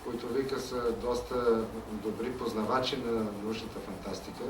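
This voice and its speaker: A man interpreting a panel discussion live, with quick phrasing and frequent fillers. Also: medium pitch, fairly even intonation. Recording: echoey hall, distant mic, background noise.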